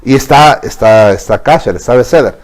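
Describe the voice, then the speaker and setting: Man, religious lesson, patient explaining, checks in with listeners, medium pitch. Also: moderate pace, a little mellow. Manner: explains patiently, asks "¿bien?" often. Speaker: teacher. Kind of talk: religious teaching.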